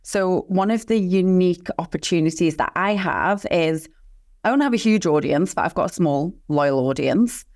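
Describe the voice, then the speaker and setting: Her voice is fairly low with a darkish tone, moving at a moderate pace. She's an interview guest speaking as an expert, openly and passionately telling her own story and dwelling on her sense of purpose and calling.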